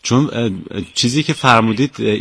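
A man's voice: mid-range voice, a bit bright, breathy edge. A man hosting a radio interview, chatting in a friendly, complimentary way with his guest. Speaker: radio host.

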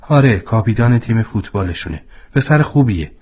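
A man's voice: lowish voice, expressive, a little mellow, breathy edge, pitched above the performer's own voice. A man voicing a surprised, questioning teenage son in a storybook reading. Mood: puzzled. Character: puzzled teenage son, older brother.

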